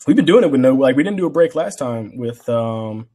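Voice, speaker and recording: A young man co-hosting a podcast, chatting casually and acting out bits of stories with lively swings in voice. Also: medium pitch, a little fast. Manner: animated storytelling, acts out quotes. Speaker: podcast co-host. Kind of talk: casual chat.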